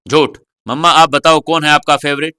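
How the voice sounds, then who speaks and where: A man voicing a proud little boy in an audio story, boastful and quick to whine. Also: fairly high pitch, steady tone, sharp tone, clean tone, no room sound, studio quality. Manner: boastful, whiny pleading. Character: small boy, proud and easily hurt.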